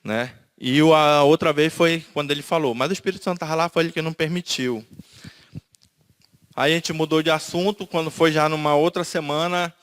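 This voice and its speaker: This testimony speaker from Manaus has a Brazilian Portuguese accent and a smooth, steady, fairly bright voice pitched on the high side. Speaking briskly, he narrates an emotional account of his own life, performing the lines of dialogue as he goes.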